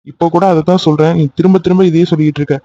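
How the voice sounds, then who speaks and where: A man's voice: a little high, little pitch movement, racing, mellow, highs cut off, natural voice. Man voicing a pleading young lover. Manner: pleading, insistent. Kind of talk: cartoon voice acting.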